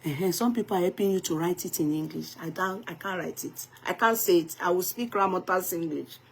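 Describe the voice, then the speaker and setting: A woman's voice: lowish voice, brisk, creaky, breathy edge. A woman with a Nigerian accent giving emphatic gossip commentary in a vlog, slipping into pidgin and Yoruba phrases. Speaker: vlogger.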